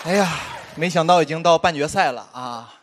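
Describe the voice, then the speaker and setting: A young man performing a stand-up comedy set on stage, telling quick self-mocking stories with constant asides to the audience. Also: a little high, a loud crowd, heavy background noise. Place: studio stage before a live audience. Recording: live stage mic with audience laughter. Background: audience laughter.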